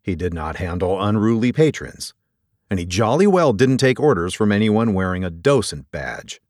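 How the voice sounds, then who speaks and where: A man narrating a story in an expressive storytelling delivery. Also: fairly low pitch, normal speed, no echo, clean studio sound. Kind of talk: audiobook narration.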